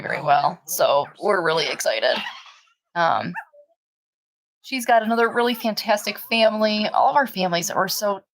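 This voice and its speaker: A woman's voice: fairly low pitch, a bit bright, slight background noise, poor audio. A woman, chatting casually on a livestream with frequent ums. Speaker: dog breeder and livestream host.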